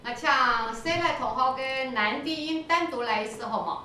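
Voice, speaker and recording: A woman choir teacher coaching singers in rehearsal, energetic and coaxing, sometimes singing a phrase to show how it goes. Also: high voice, normal speed, music in the background. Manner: energetic, coaxing, breaks into sung demonstrations. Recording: echoey hall, voice from far off.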